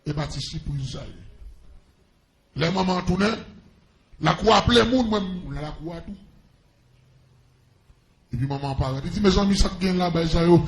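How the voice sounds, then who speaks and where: A man's voice: high voice, moderate pace, long pauses, echoey room. A man with a Haitian accent preaching a testimony to a congregation, calling out to them with fervor. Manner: impassioned preaching with call-outs to the congregation.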